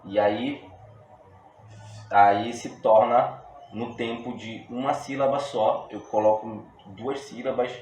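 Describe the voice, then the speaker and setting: A man with a Brazilian Portuguese accent teaching a poetry workshop lesson in a relaxed, slangy way, explaining step by step with frequent restarts. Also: medium pitch, takes it slowly. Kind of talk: casual video lesson. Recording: roomy echo with faint room noise.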